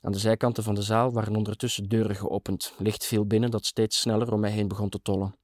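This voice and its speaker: A man's voice: lowish voice, flat delivery, quick pace, darkish tone, no room sound, studio quality. A middle-aged man narrating a first-person novel in a dramatic, sardonic tone.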